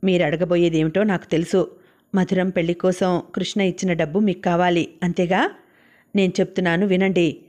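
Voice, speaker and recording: A woman's voice: on the low side, fairly even intonation, brisk, darkish tone, close to an everyday voice. A woman reading the part of an ailing young wife who stubbornly refuses her husband. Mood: defiant.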